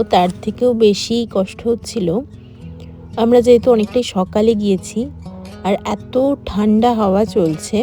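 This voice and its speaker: Female travel vlogger, soft-edged warm tone, medium pitch, light music underneath. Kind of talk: vlog narration in Bengali mixed with some English.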